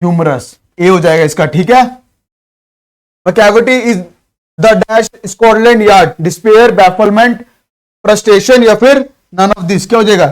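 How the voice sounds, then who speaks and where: High-voiced Bihari teacher, drilling quiz questions. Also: male voice. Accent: Bihari Hindi. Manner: reads questions slowly, explains in fast chatty Hindi. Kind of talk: exam-prep lesson.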